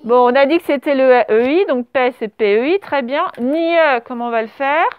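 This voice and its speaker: A woman teaching a primary school class, correcting a dictation and spelling words out letter by letter with patient pauses. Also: high-pitched. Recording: dull lo-fi sound.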